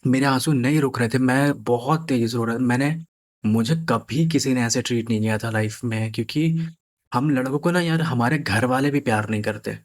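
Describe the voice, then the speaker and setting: A young man tells a personal story in an earnest, unpolished way. He often stumbles, repeats himself and starts his phrases over. His voice sits at an ordinary middle pitch for a man. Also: normal speed. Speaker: storyteller sharing a personal experience.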